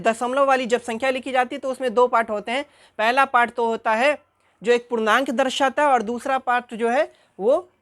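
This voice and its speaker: Female math teacher, higher-pitched, patient classroom explainer with a repetitive question-and-answer delivery. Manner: asks questions and answers them herself, repeats key terms.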